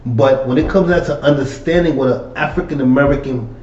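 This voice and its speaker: A man's voice: medium pitch, fairly quick, darkish tone. A man co-hosting a casual podcast, blunt and opinionated, often laughing. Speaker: podcast co-host. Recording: echoey room, dull lo-fi sound.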